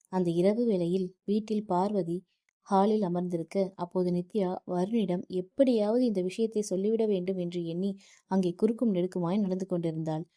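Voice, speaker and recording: A woman narrating a romantic audiobook story in a steady, even reading voice. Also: lowish voice.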